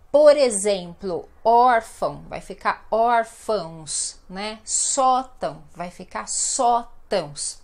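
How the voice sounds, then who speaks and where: Chatty Brazilian woman teaching slowly. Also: a little high. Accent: Brazilian Portuguese. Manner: chatty and playful, drawing out example words slowly. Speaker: Portuguese teacher. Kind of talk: casual online language lesson.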